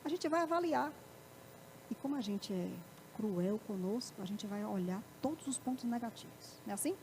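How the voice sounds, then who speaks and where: A woman with a high voice and a Brazilian Portuguese accent gives a motivational lecture to a live audience in a parish auditorium. She keeps checking in with rhetorical questions. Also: expressive, moderate pace, a little mellow, a little hiss or hum.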